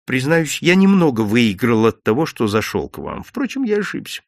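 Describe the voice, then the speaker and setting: A man's voice: medium pitch, very animated, creaky, no echo, studio quality. A man reading the lines of a reserved, decisive detective in an audiobook. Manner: measured, decisive. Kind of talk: audiobook character voice.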